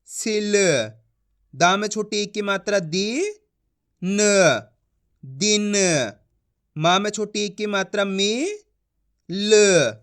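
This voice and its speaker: A man teaching beginners to read Hindi in an online lesson, patiently repeating each point, sounding out syllables slowly and checking that viewers understand. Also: sits high, bright, forceful tone, clear, resonant tone. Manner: addresses viewers as friends.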